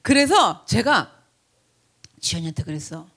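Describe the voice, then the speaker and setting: A middle-aged woman pastor tells a family story from the pulpit in a casual, animated sermon style. Her pitch sits in a middle register but moves freely up and down as she acts out the people she quotes. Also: unhurried. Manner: chatty, animated anecdote with laughs and acted quotes. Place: church.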